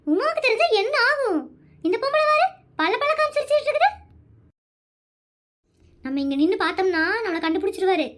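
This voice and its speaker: A woman doing a shrill, nosy village gossip. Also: heavy background noise. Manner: chatty, exclaiming, busybody. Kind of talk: cartoon voice acting.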